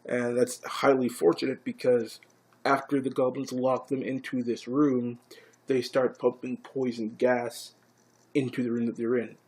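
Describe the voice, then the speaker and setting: A man casually recapping and reviewing an anime episode, swearing freely and growing excited. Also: mid-range voice, unhurried, slightly rough. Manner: casual, profane, grows excited.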